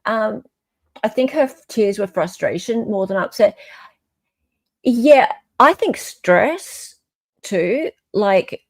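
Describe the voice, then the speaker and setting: An Australian woman hosts a live stream, chatting casually and with strong opinions while often checking that listeners agree. Her mid-range voice is animated yet slow, and there's no echo.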